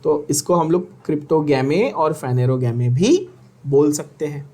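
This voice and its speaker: A man's voice: fairly high pitch, lively intonation, slow pace, mellow. A man teaching biology for an exam, asking questions and having students repeat terms. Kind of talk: exam-prep lecture.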